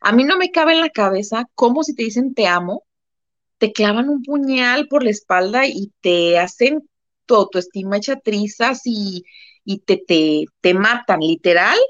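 A woman's voice: medium pitch, expressive, measured pace, no room sound, muffled recording. A woman with a Mexican Spanish accent co-hosting a casual live-stream talk, emphatic and repeating phrases for effect. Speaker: co-host.

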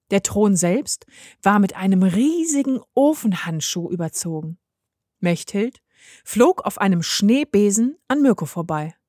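A woman narrating a fairy-tale audiobook in measured, expressive storytelling. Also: medium pitch, dry recording, clean studio sound.

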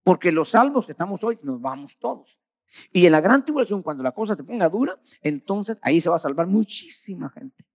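Animated preacher man, bursts and drops. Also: sits high, a little fast, vocal fry, dry recording, studio quality. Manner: animated storytelling with frequent "hermano"; swings between loud bursts and quiet drops. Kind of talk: sermon.

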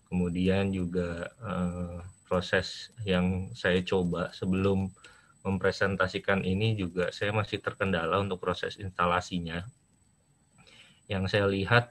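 A man's voice: low-pitched, a bit bright. A man presenting at an online seminar, his voice muffled through a face mask. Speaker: presenter, university library head. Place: online video meeting.

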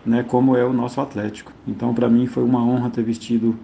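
Middle-aged Brazilian male ex-athlete interviewee, dark gravelly voice, halting delivery, muffled sound. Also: mid-range voice, level tone. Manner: halting, repeats phrases. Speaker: retired footballer. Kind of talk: interview reminiscence. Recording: muffled, faint background noise.

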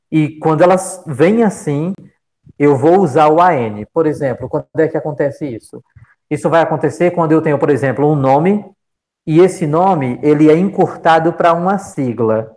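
An English teacher with a Brazilian Portuguese accent explains a grammar point in an online class over video call, patiently repeating examples. The voice is mid-range and mellow, and the recording quality is low.

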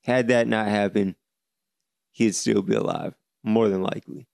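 A man in his late twenties hosting a solo podcast, speaking earnestly with many halting restarts. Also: fairly low pitch, fairly even intonation, creaky, a little mellow, no room sound, clean studio sound. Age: 20s. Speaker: podcast host.

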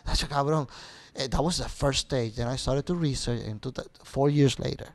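Middle-aged man, interview guest, lively bilingual storytelling, frequent swearing, dry sound. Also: mid-range voice, moderate pace, dry recording. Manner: switches between Spanish and English, swears freely, animated storytelling. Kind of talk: casual interview chat.

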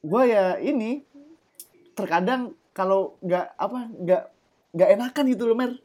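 A man's voice: sits high, a little slow, darkish tone. A young man from Java in a casual chat, speaking thick with slang and casual swearing. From Java, Indonesia.

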